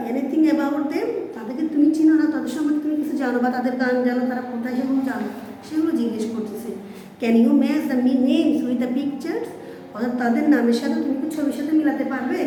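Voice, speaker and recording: A high-pitched woman with a Bangladeshi accent teaches English, stretching English phrases slowly and glossing them in Bengali. Her tone is soft and mellow. The recording rings with heavy echo and a long reverb tail. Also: a little hiss or hum. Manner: explains English words slowly in Bengali, asks checking questions. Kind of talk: recorded classroom lesson.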